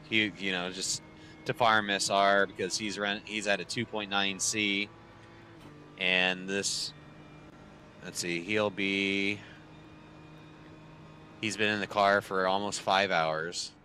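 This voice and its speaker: A man's voice: low voice, level tone, takes it slowly, pauses often, sharp tone, slight background noise. A man in his thirties streaming sim racing from home, rambling casually to viewers with dry sarcasm and lots of fillers.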